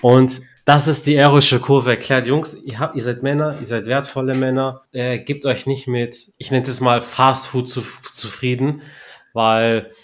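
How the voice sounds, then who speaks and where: Junger Mann, lässig, erzählt mit Slang. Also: male voice, mid-range voice, steady tone, unhurried. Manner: laid-back slangy storyteller, laughs at his own punchlines. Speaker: podcast co-host. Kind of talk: casual storytelling.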